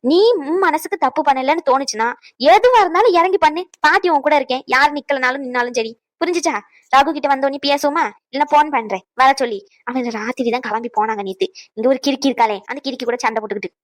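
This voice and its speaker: A woman's voice: sits high, quick pace, no echo, studio quality, close to an everyday voice. A woman voicing a caring but outspoken old grandmother in a cartoon, scolding and lecturing protectively. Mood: rousing. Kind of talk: cartoon voice acting.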